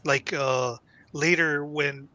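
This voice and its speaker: A man's voice: on the high side, steady tone, slow pace, bright, forceful tone, no room sound, dull audio. A man co-hosting a casual podcast, knowledgeably explaining wrestling history in a rambling way with plenty of fillers.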